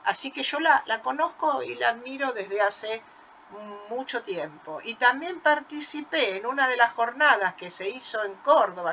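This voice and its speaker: Older argentine lady running a workshop, bright high voice, lots of restarts, faint hiss. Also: low-quality recording. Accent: Argentine Spanish. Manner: warm admiring, with frequent restarts. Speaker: workshop coordinator. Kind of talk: informal remarks in an online workshop.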